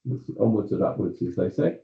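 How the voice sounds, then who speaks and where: A low-voiced British man speaks over a video call, and his voice comes through dull and roomy. He is a company executive giving staff an update, steady and measured, and he pads his points with ums and you-knows. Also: gravelly.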